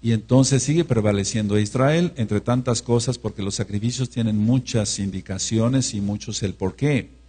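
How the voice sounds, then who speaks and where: A man's voice: on the low side, moderate pace, mellow, husky. A man preaching a sermon, emphatic, repeating phrases and leading the congregation to repeat after him. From Mexico.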